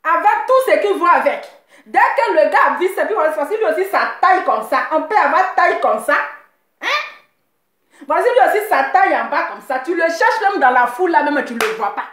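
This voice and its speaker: A woman's voice: very high voice, animated, fairly quick, fairly bright tone, reverberant. A woman hosting a live show, teasing and mocking in a sing-song voice, repeating her phrases.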